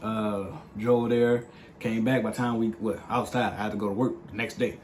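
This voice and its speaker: A young man casually telling the story of how he met his partner, in a playful, slangy, animated way. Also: on the low side, a little fast, slight background noise. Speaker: vlog co-host.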